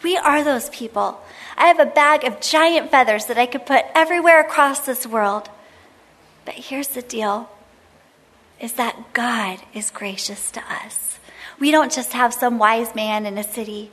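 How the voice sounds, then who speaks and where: A woman's voice: fairly high pitch, moderate pace, fairly bright tone. A woman in her thirties teaching a women's Bible study, exhorting with emphatic, repeated phrases. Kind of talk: sermon-style Bible teaching.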